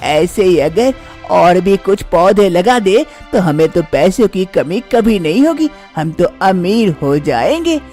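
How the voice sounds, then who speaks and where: A woman's voice: on the low side, very animated, takes it slowly, warm tone, faint music behind. A woman as a fussing old mother-in-law. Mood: bossy. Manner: calls out and gives orders to her family. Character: older village mother-in-law, fussing and bossy. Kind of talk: animated storybook voice acting.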